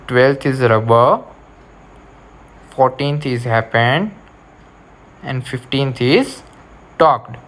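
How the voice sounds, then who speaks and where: A man's voice: mid-range voice, extremely slow, pauses often, a bit bright. A male teacher giving a reading lesson, dictating words to underline and repeating each instruction. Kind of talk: slow classroom reading lesson.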